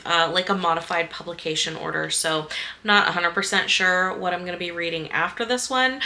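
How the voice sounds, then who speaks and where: Thirtysomething woman vlogging about books, bright voice, rambly and chatty. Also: fairly low pitch. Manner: chatty, rambling, self-deprecating with frequent fillers. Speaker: book vlogger. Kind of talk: casual chat to camera.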